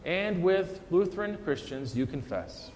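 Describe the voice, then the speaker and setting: A man reciting church liturgy as a pastor, solemn and measured, in a cathedral-like echo. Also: high-pitched, very animated, darkish tone, slight background noise. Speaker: pastor leading a communion liturgy. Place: large church interior.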